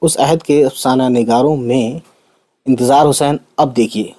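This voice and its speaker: A man's voice: medium pitch, steady tone, dark tone. A man from India teaching an Urdu literature lesson, who stops to explain each difficult word with simpler synonyms and English terms and keeps checking in with tag questions.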